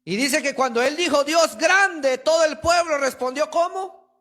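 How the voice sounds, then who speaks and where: Predicador de voz muy aguda, enfático, retórico; sermón en iglesia. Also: male voice, very high voice, normal speed, a bit bright. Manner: emphatic preaching, addresses listeners as brother. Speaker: preacher. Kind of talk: sermon. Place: church.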